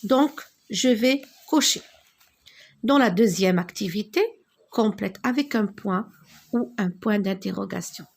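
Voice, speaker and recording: A woman with a North African French accent, teaching a grammar lesson to young children in a slow, emphatic way, lifting her voice on the example questions. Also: mid-range voice, vocal fry.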